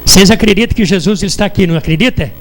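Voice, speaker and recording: A Brazilian preacher with a high, lifted voice, delivering a sermon in church. He keeps turning to the congregation with rhetorical questions and pauses for them to answer. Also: poor audio. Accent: Brazilian Portuguese.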